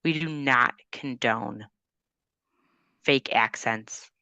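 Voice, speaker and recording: A woman's voice: a bass voice, very slow, bright, forceful tone, no room sound, heavily acted. A woman improvising an earnest, slightly fumbling host of a gardening podcast. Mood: flustered.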